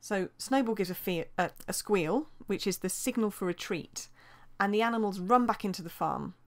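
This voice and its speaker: A teacher narrates a revision lesson in a steady, explanatory voice-over, reading quotations aloud between her points. Her pitch is mid-range for a woman, and she keeps a moderate pace.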